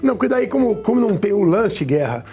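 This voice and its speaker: Fast-talking high-voiced man pundit. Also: big pitch swings, dark tone, faint music behind. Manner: rapid, hedging with fillers. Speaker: sports commentator. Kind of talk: casual sports panel chat.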